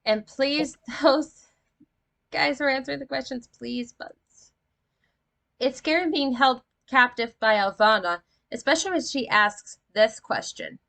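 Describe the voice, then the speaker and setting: A woman hosting a casual online quiz game over a voice call, reading clues slowly and evenly. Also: high voice, gravelly, pushed and bright. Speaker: quiz host.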